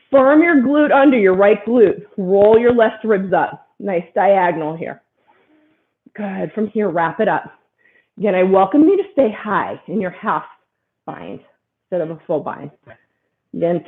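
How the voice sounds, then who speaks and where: A woman yoga instructor guides a class through poses with brisk, encouraging cues on alignment and breathing. Her voice comes through thin and tinny, like audio over a phone line. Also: medium pitch. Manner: steady stream of short, encouraging body cues.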